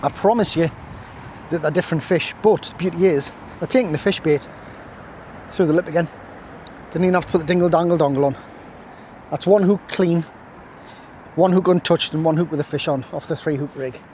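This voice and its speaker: A man's voice: fairly high pitch, brisk, a little mellow, a little hiss or hum. Chatty man, riverbank fishing vlog. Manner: chatty, jokey, self-mocking asides. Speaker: angling vlogger. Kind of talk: casual chat to camera while fishing. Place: outdoors on a windy riverbank. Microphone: camera on a stand, at times stepping away.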